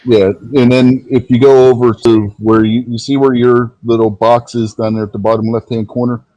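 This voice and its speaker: A man's voice: mid-range voice, little pitch movement, moderate pace, warm tone, no echo, dull audio. A man on a live-stream voice chat, chatty and helpful, patiently explaining how to do things. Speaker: fellow streamer and guest. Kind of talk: casual chat, explaining step by step. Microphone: online voice chat.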